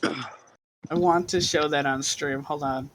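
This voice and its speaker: Slow, rambling game master. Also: medium pitch, fairly even intonation, a bit bright, slight background noise, low-quality recording. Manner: rambling, many fillers and laughs. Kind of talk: narrating a tabletop game on stream.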